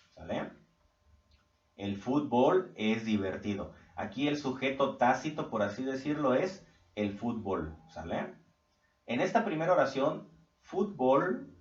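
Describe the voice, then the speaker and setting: Male teacher in an echoey room. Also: lowish voice. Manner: patient, keeps checking in with "¿sale?". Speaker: Spanish teacher. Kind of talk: recorded online class over slides. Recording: echoey room, far from mic, dull lo-fi sound.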